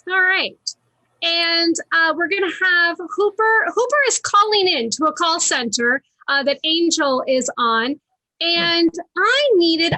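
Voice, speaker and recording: A woman's voice: high-pitched, pushed and bright, no echo, poor audio. A woman casually hosting a live improv comedy show and introducing games.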